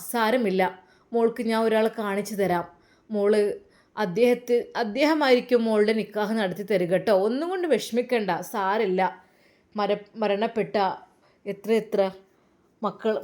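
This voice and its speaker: A woman's voice: medium pitch, normal speed, close to an everyday voice. A woman voicing a kindly, motherly older woman who coaxes and reassures. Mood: coaxing. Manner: warm coaxing, repeats endearments.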